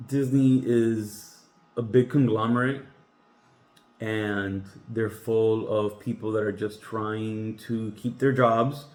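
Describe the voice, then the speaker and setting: A man's voice: lowish voice, steady tone, slow pace, a little mellow. A man from Cuba hosting a podcast, giving his opinions in a casual, emphatic monologue that often halts and restarts. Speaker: podcast host. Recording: roomy echoey room sound.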